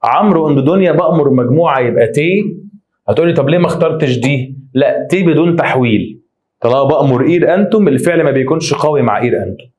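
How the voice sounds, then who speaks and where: Fast-talking Egyptian male teacher. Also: a little high, lively intonation, darkish tone. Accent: Egyptian Arabic. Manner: quick explanatory, reads German slowly. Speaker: German teacher. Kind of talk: exam exercise walkthrough.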